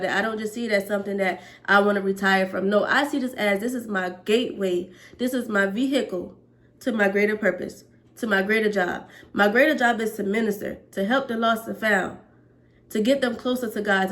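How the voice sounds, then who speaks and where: A woman's voice: medium pitch, a bit bright. Earnest woman preaching to camera. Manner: earnest, preachy, speaks in repeated lists. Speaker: hair braider and vlogger. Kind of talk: casual faith-based monologue to camera.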